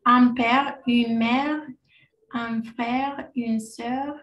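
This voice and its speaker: Woman student, very slow reading, hesitant, echoey, muffled video call. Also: on the high side, steady tone, a bit bright. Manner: hesitant, apologetic learner. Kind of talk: reading examples aloud in class. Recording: muffled roomy call audio.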